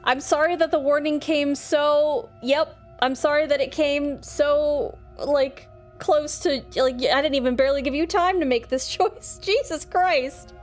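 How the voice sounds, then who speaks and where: High-voiced woman streaming a game. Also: fairly even intonation, measured pace, few pauses. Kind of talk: casual live let's play commentary with dialogue read aloud. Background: game music.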